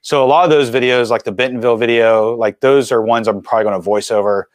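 A man in his forties, a filmmaker and mountain biker, telling stories as a guest in a casual interview with animated, chatty energy. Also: medium pitch, quick pace, no room sound. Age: 40s.

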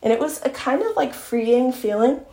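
A woman's voice: high-pitched, expressive, moderate pace, warm tone. A young woman from Long Island talking in a casual, rambling vlog chat full of fillers. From Long Island, New York. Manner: chatty, rambling, lots of fillers. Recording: echoey room.

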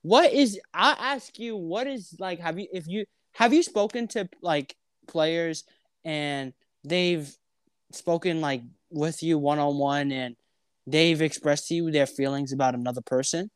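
A young man hosting a casual podcast interview, rambling with halting restarts. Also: a little high, clean tone, no echo, clean studio sound. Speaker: podcast host.

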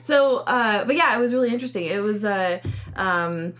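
A woman co-hosting a podcast in casual chat, excitable and quick to react with exclamations. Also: mid-range voice. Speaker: podcast co-host.

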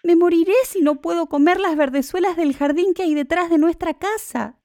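A woman voicing a frail young wife with longing in a storybook reading, wailing in a high voice. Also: normal speed, dark tone, no room sound, clean studio sound. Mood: anguished.

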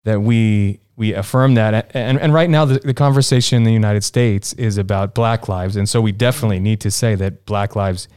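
A man's voice: fairly low pitch, fairly quick, few pauses, darkish tone, clean tone, dry recording, clean studio sound. A man hosting a faith-based panel discussion, talking in a searching way and repeating words as he goes. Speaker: panel host.

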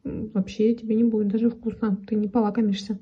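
A woman voicing a small, frightened wooden pencil that begs a mouse to let it go, speaking higher and louder as it pleads. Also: level tone, quick pace, husky, highs cut off. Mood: pleading.

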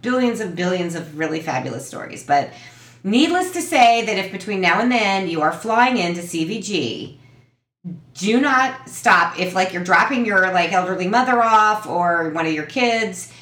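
A woman's voice: medium pitch, expressive, moderate pace, fairly bright tone. A woman in her fifties co-hosting a podcast, telling family stories in a chatty, exasperated way. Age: 50s. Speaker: podcast host. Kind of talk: casual storytelling chat. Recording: echoey room.

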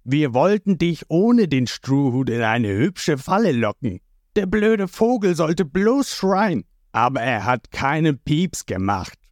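A man's voice: fairly high pitch, very animated, takes it slowly, no room sound, clean studio sound, voice pushed up. A man voicing a crude male henchman who sneers and mocks. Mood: mocking. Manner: mocking, sneering.

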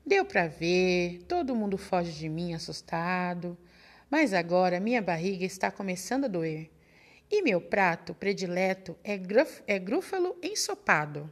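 A woman plays a clever little male mouse from a storybook, bold and cheeky, his voice rising and falling with lively swings. He talks slowly and carefully, sounding a touch higher than an everyday voice. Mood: sly.

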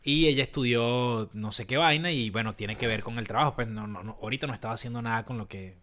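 A young man with a Venezuelan accent co-hosting a casual podcast, telling stories with animated impressions, laughing and swearing a lot. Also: mid-range voice, fast, slight background noise. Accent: Venezuelan Spanish. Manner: animated storytelling, mimics others in raised voice; swears freely, laughs often. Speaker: podcast co-host. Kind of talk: casual chat.

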